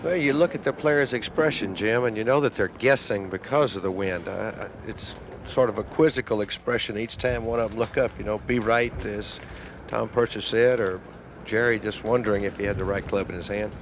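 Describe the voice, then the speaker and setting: A man's voice: lowish voice, a little fast. A man giving informal, reflective golf commentary as an analyst on an old television broadcast. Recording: dull, noisy vintage TV broadcast.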